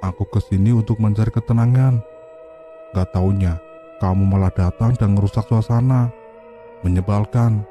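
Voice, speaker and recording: A sharp-tongued female spirit, sulky and teasing, snapping her lines in a low, dark, mellow tone, as a male storyteller puts her on. Her words come out curt and pouting, with faint music underneath. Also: steady tone, moderate pace, pauses often, close to an everyday voice.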